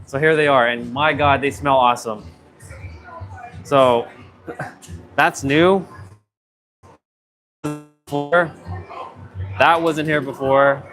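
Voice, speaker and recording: A man's voice: medium pitch, fairly even intonation, drawn-out words, long pauses, fairly bright tone, faint music behind. A man vlogging a casual walking tour of an outdoor shopping plaza, rambling with many fillers, his voice run through noise cancellation with noise reduction artifacts. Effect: noise cancellation processing with noise reduction artifacts.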